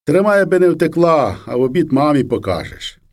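A man's voice: fairly high pitch, very animated, a little fast. A man voicing a teasing peasant farmhand who coaxes a crying child. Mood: playful. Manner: coaxing, teasing. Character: good-humored peasant mowing hand, playful joker.

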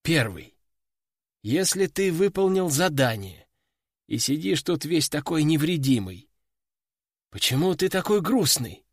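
A man's voice: a little high, big pitch swings, measured pace, long pauses, no room sound, clean studio sound. A man voicing a skeptical young woman soldier who asks blunt questions. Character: sharp, skeptical young female fighter.

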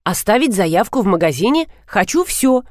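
A woman's voice: medium pitch, very animated, moderate pace, dry recording, clean studio sound, lightly acted. A woman voicing a pushy, frantic young mother who is insistent and tearful. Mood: gossipy.

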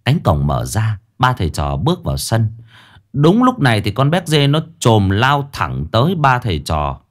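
A man narrating a comic ghost story in a lively storytelling manner. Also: fairly low pitch, moderate pace.

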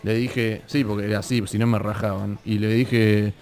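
A man from Argentina with a Rioplatense accent, a radio guest telling an anecdote in a casual, animated way, acting out the people he quotes. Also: on the low side, normal speed. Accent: Rioplatense Spanish. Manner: animated storyteller, acts out quoted voices.

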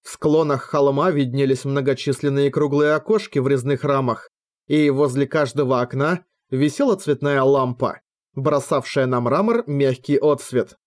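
A man narrating a fantasy novel as an audiobook in a measured storytelling manner, lightly voicing the dialogue. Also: mid-range voice.

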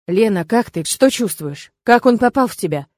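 A woman's voice: medium pitch, animated, moderate pace, darkish tone, no echo, studio quality, close to an everyday voice. A woman voicing a tense young male inquisitor who speaks urgently in an audiobook. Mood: pressing. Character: tense young man, warrior inquisitor, anxious.

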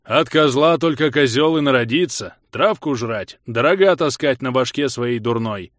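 A man's voice: mid-range voice, normal speed, fairly bright tone, no room sound, studio quality, pitched above the performer's own voice, lightly acted. A man voicing a huge bearded male giant, jovial and teasing in folksy speech.

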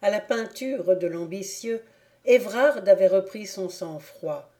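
A woman reading a classic novel aloud as an audiobook narrator, in a calm, measured and deliberate way. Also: medium pitch. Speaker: audiobook reader.

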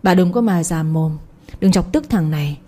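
A cocky young villager who taunts and orders people about in a spoken storybook, as a woman narrator puts him on. He talks quickly in a warm, dark, slightly husky voice. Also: on the low side, expressive. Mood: taunting. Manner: commanding, taunting, defiant. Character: brash arrogant young village man.

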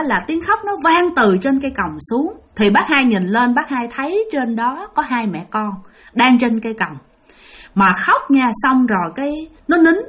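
Lively woman telling a ghost story. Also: high-pitched. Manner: conversational, addresses listeners directly. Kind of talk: oral ghost story narration.

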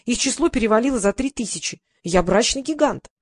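A woman's voice: on the high side, animated, brisk, dry recording. A woman reading the lines of a tired, famous male performer in an audiobook. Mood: weary. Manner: tired and dry.

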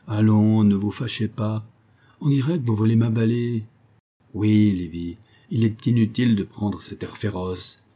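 A man reading an audiobook, voicing a cheerful young soldier of twenty-one who teases his cousin in a breezy, lively way. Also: on the low side, a little slow. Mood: teasing.

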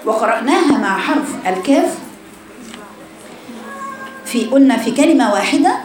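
A woman with an Egyptian accent who teaches Quran recitation. She corrects her students and shows each sound by repeating it slowly. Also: on the high side, lively intonation, darkish tone, soft background music. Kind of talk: tajweed lesson correcting students. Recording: echoey room with noise.

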